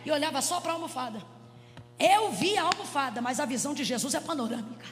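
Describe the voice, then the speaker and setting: A woman pastor with a Brazilian Portuguese accent, preaching a Pentecostal sermon into a handheld mic, swinging from hushed storytelling to shouts. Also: high voice, animated, fast. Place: large church hall. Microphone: handheld microphone. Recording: reverberant church hall with music.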